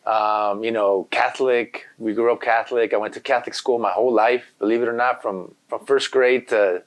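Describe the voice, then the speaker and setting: The recording is rough, but the man's medium-pitched voice stays steady at a moderate pace. Originally a Spanish speaker, this Los Angeles graffiti artist chats easily in an interview, drifting along with lots of "you know."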